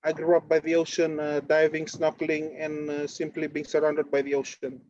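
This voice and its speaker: A man, giving a halting, filler-heavy talk over a video call from on board a ship. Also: on the high side, completely flat delivery, darkish tone, no room sound, dull audio. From Fiji. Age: 30s. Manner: halting, many fillers and restarts. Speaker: activist presenter.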